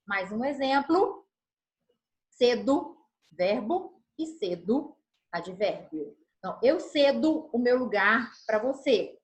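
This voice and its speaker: A woman teaching a grammar lesson over a video call. She explains patiently, slows down to stress the key words and keeps checking in with her listeners. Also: on the high side, very animated. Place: home setup on a video call. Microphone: video call mic.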